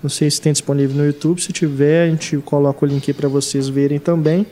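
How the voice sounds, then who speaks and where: A man's voice: fairly high pitch, little pitch movement, fast talker, mellow. A man co-hosting a casual film talk, enthusiastic and addressing the viewers, with many fillers. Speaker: co-host discussing films.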